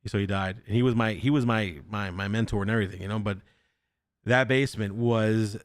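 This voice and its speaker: Recorded clean in a studio with no room sound, a young man with a lowish voice speaks fairly quickly. Hosting his podcast, he spins a casual ghost story, peppering it with swearing and performing the quotes of everyone involved.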